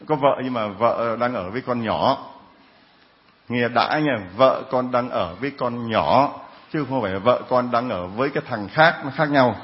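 A man preaching a sermon, his voice at an ordinary middle pitch and captured with a slightly dull, lo-fi quality. He talks in a jovial, teasing way, joking with the congregation as he goes. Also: unhurried. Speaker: priest.

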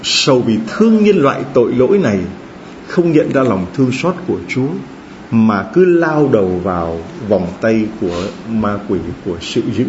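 A male priest delivers a sermon with a very lively, swooping pitch, rising high for emphasis and dropping low and soft. He throws rhetorical questions at his listeners. The recording is slightly dull, with a faint hiss behind it. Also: normal speed. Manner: animated preaching with rhetorical questions and acted-out quotes.

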